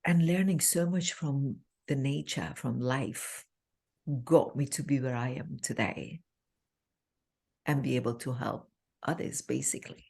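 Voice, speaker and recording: Iran-born woman in her fifties, deep gravelly voice, halting chat over a video call. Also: darkish tone. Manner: halting, many fillers, laughs easily. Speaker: guest relationship coach. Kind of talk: casual interview chat.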